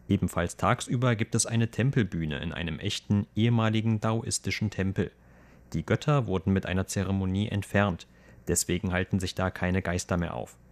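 A man reading a translated voice-over in a steady, matter-of-fact way. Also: on the low side.

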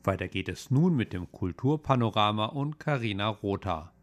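A man reading the weather and the programme announcements in an even, formal manner. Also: on the low side, moderate pace, loud music behind the voice. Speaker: news and weather presenter. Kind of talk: scripted news reading.

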